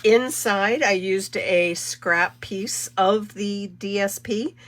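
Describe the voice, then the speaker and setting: A middle-aged woman with a mid-range, slightly bright voice hosts a casual live card-making demo on her channel. She takes her time, rambling chattily and correcting herself, her voice stuffy from a cold.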